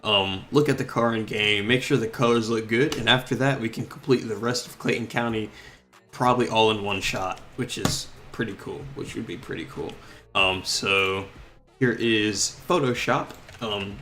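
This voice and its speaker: A man's voice: fairly low pitch, normal speed. A man streaming live as he designs police cars for a game, chatting casually with plenty of ums and likes. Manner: relaxed, rambling, full of ums and likes.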